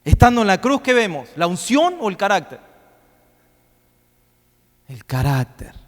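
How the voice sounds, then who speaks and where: A man preaching a sermon as pastor, swinging between loud, rising questions and quick asides. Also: high voice, big pitch swings. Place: church hall. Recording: long reverb of a church hall.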